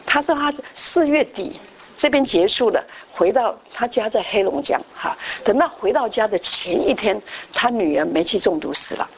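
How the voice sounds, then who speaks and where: With a voice on the high side and lively intonation, a woman preacher delivers a story-driven, conversational sermon at a moderate pace. Frequent restarts and tag questions mark her speech, over slight background noise.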